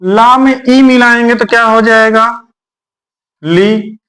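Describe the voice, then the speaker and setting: Male tutor, unhurried delivery, repeats drills, keeps clearing his throat. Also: extremely high pitch, pushed and bright. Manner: repetitive, drills syllables aloud. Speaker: teacher. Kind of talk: exam-prep grammar lesson.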